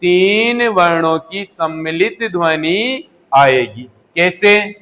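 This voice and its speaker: Male teacher, high voice, unhurried; quizzes the class and answers himself, drills key words. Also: animated, a bit bright. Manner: asks questions and answers them himself, repeating key words. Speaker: Hindi teacher. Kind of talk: classroom lesson. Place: coaching classroom.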